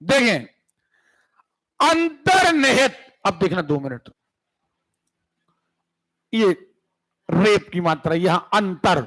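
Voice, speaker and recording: A man's voice: high-pitched, sing-song, takes it slowly, pauses often, a bit bright, poor audio. A man teaching a Hindi grammar class, explaining word by word and often checking whether the students follow. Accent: central Indian Hindi. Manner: keeps checking the class with "clear hai?" and "sun rahe ho?". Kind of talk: classroom lecture.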